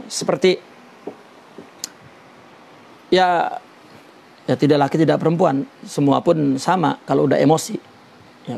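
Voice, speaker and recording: A man teaching a religious lesson on a Sufi text, slow and deliberate, explaining Arabic terms with many "ya" fillers. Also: fairly high pitch, creaky, a little mellow.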